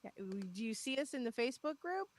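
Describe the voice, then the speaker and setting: Lively, chatty woman podcast host. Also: sits high, quick pace, crowd noise. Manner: chatty, laughs often, upbeat. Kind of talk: casual live-stream chat.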